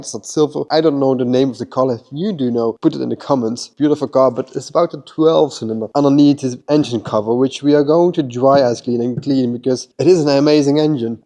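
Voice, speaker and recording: Enthusiastic man with a mellow voice. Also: medium pitch. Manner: enthusiastic, repeats "beautiful" and "amazing". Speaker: car detailing workshop host. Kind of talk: casual walkthrough vlog. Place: car workshop.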